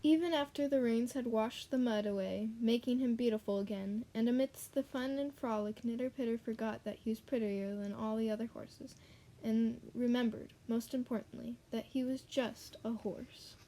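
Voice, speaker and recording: A woman reading a children's picture book aloud in a gentle, expressive storytelling voice. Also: a little high, normal speed.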